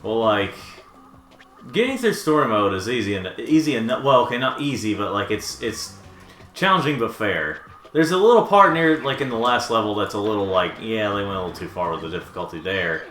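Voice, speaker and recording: A man's voice: fairly low pitch, lively intonation, fairly quick, a bit bright, faint music behind. A man chatting casually while playing a game, rambling with lots of fillers and restarts. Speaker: gaming co-host. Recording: echoey room with faint noise.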